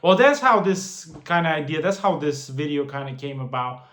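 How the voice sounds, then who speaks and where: Man, late twenties, earnest advice vlog, restarts phrases, a bit high-pitched, roomy echo. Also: expressive, normal speed, fairly bright tone. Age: 20s. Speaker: finance vlogger. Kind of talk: casual talking-head advice.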